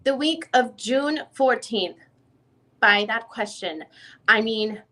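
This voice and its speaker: Slow and forceful, a woman with a slightly high, bright voice and lively intonation gives a full character performance of a lawyer questioning a witness. The dramatic reading of the deposition transcript is formal, methodical and probing.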